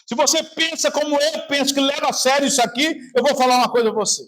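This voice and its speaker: A man with a Brazilian Portuguese accent, preaching a sermon as pastor, swinging between shouting and a quiet, lowered voice. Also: fast, a little hiss or hum. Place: church service.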